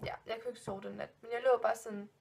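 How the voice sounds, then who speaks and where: A woman's voice: fairly high pitch, level tone, gravelly, darkish tone, a little hiss or hum. A woman in her twenties telling ghost stories in a casual vlog, rambling with many fillers and restarts, spooked and giggling nervously. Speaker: vlogger.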